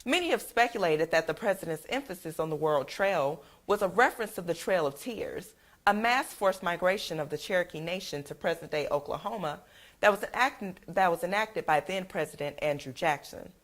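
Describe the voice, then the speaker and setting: A woman anchoring a news broadcast, reading the stories in a measured, even newsreader manner. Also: on the low side. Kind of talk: read news report.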